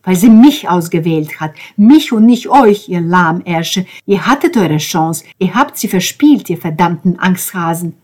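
A woman shouting as a furious cursing man. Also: on the low side, level tone, moderate pace, vocal fry, hardly any pauses, slightly rough. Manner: shouting, swearing, loud and raised. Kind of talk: audiobook character voice.

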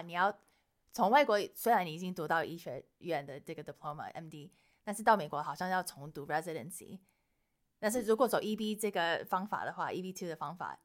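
Woman host asking questions. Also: on the low side. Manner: code-switches with English words. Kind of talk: interview questions.

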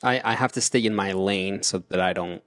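A relaxed man co-hosting a movie podcast, dry close sound. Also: deep voice, fairly quick, dry recording. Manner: relaxed, thoughtful, trails off and restarts. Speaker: podcast co-host. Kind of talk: casual chat.

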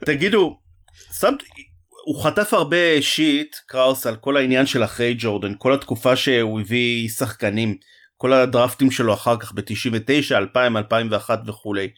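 A man's voice: medium pitch, fairly bright tone. A man co-hosting a sports podcast, talking animatedly and groping for names and words. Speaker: podcast co-host. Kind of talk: casual sports talk.

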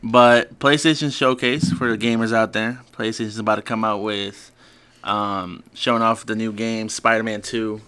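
A man's voice: on the low side, fairly even intonation, normal speed, fairly bright tone, clear, resonant tone. A man hosting a casual podcast segment, rambling through news with many filler words. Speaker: podcast host. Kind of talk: casual chat.

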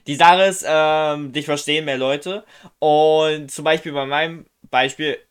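A young man chatting loosely and excitably with a friend, dropping slang. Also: fairly high pitch, measured pace, smooth. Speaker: co-host. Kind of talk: casual chat.

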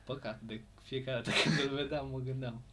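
A man's voice: mid-range voice, fairly even intonation, a crowd in the background. A man co-hosting a podcast, telling childhood stories in casual chat, often laughing. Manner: laughing storyteller, playful. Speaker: podcast co-host.

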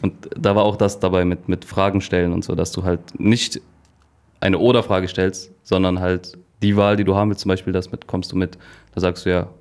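A man's voice: deep voice, little pitch movement, fairly quick, darkish tone. A young man co-hosting a casual podcast, easygoing and rambling, laughing often. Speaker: podcast co-host. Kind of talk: casual chat.

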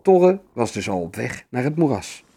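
Expressive male fairy-tale narrator. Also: medium pitch, moderate pace, a little hiss or hum. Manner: expressive, lively storytelling. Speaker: storyteller.

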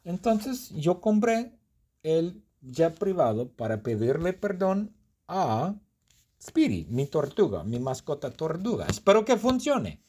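A man's voice: a little high, sing-song, slow pace, a little mellow, husky, voice pushed up, full character voice. A man telling a story in first person as a bumbling, indignant customer, with exaggerated indignation. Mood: playful.

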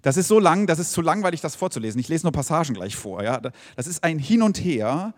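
Male pastor, sermon, conversational, rhetorical questions, animated pitch, long church-hall reverb. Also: quick pace.

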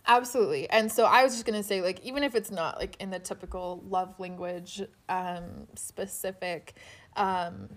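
A woman's voice: mid-range voice, fairly even intonation. A woman co-hosting a casual chat, talking with many fillers and laughing easily, recorded on the floor under a blanket fort. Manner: chatty, quick to laugh, filler-heavy. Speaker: podcast co-host.

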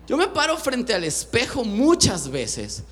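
A young Mexican pastor with a very high-pitched voice preaches a sermon in Mexican-accented Spanish, speaking a little slowly. Lively and joking, he pokes fun at himself as he talks to his congregation in a church sanctuary, and the hall sounds echoey.

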